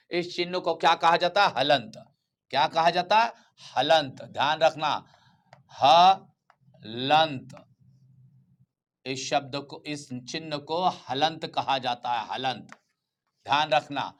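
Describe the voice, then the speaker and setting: A man's voice: a little high, a bit bright. A male teacher giving a grammar lecture, who keeps repeating key terms and asking his students questions before answering them himself.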